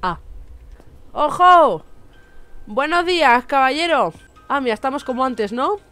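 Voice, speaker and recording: Excitable Spanish woman gaming streamer. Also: sits high, a little slow, faint music behind. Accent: Spain Spanish. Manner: excitable, swears, drops into broken English and sung jingles. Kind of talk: let's play commentary. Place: home room with a fan.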